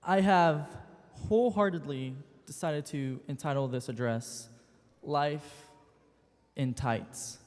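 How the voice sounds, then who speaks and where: A man's voice: on the high side, slow, darkish tone. A young man in his late teens, the class valedictorian, giving a grandiose, theatrical graduation address in a large arena. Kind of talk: graduation speech. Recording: long echo of a big arena.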